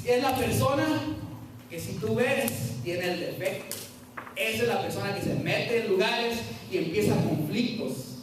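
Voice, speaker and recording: Man, retreat sermon, very high voice, acted-out quotes, distant from the mic. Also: slight background noise. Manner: preaching with dramatic shifts and acted-out quotes. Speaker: retreat speaker. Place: large hall at a retreat. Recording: echoey hall, distant from the mic.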